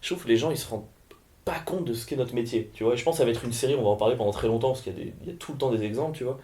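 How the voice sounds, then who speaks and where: A male comedian rattles through a jokey backstage story at a brisk clip, animated and loose. His voice sits at an ordinary middle pitch, chatty and unscripted. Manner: animated, joking, rambling anecdotes. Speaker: comedian and podcast co-host. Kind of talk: casual banter and storytelling.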